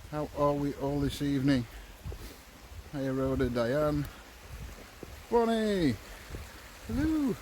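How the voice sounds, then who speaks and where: A man's voice: on the high side, animated, slow, pauses often, darkish tone. A British man hosting a casual night-time live stream outdoors, chummily greeting viewers in an informal, repetitive way. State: tired from walking. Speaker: livestream host of night-time ghost hunt. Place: outdoors walking in woods at night. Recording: noisy outdoor night ambience.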